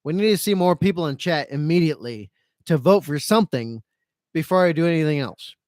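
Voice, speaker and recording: A man's voice: fairly high pitch, lively intonation, a little fast, a little mellow, dry recording, studio quality. A man hosting a casual live stream, reading out chat comments and rambling repetitively in a self-pitying, resigned, sweary way. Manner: rambling and repetitive, circling back over phrases.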